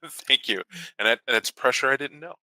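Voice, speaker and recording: A man chatting as a guest on a casual podcast, animated and laughing mid-sentence. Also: medium pitch, normal speed, no room sound, rough recording.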